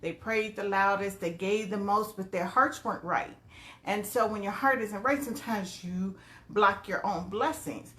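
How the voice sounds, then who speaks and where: A woman's voice: mid-range voice, measured pace, a bit bright, roomy sound. A woman life coach giving a casual live-streamed motivational talk, greeting viewers by name as she goes.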